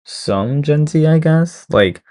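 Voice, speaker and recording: A man's voice: fairly high pitch, animated, takes it slowly, darkish tone. A young man giving casual reaction commentary over a video, rambling with lots of fillers and restarts. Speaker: reaction streamer.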